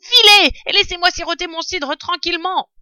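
A woman voicing a shrill, bossy, possessive male rat who shrieks his orders. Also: normal speed, sharp tone, no room sound, full character voice. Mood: furious. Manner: shrieking, snapping. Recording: dull, dry recording.

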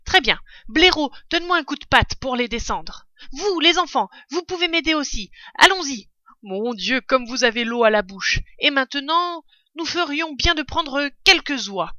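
A woman's voice: high voice, expressive, normal speed, sharp tone, no room sound, pitched above the performer's own voice. A woman voicing a proud, cunning male fox father in a storybook reading, with an exuberant, bossy, theatrical manner, on a dull lo-fi recording. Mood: gleeful.

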